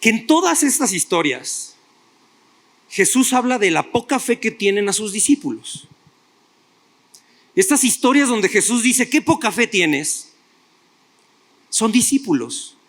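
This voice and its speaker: A man's voice: sits high, very animated, a little slow, pauses often, a bit bright. A male pastor preaching a sermon, retelling stories and putting rhetorical questions to his listeners.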